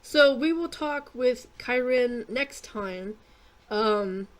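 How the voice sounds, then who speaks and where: A woman casually narrating her gameplay, rambling with lots of fillers and casual swearing, clearing her throat and coughing often. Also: fairly high pitch, lively intonation, takes it slowly. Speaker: gaming YouTuber.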